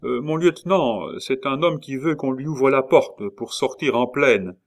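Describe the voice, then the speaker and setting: A man voicing a courteous, plain-spoken male sentry in an audiobook, speaking higher and louder than his narration. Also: moderate pace, close to an everyday voice. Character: polite simple male sentry soldier. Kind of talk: audiobook character reading.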